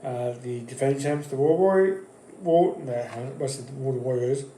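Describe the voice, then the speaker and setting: A man talks through his wrestling picks in a casual, rambling monologue, stopping and restarting his sentences often. His voice is mellow and dark. The recording has a roomy echo with a faint background hum. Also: mid-range voice, normal speed. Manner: rambling, with many fillers and restarts. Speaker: wrestling channel host. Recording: echoey room.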